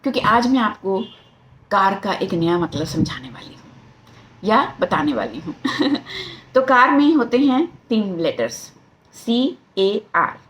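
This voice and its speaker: A middle-aged woman with an Indian accent, a life coach and psychologist, giving a lively motivational talk to camera and mixing in English phrases. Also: medium pitch, slow, rough recording.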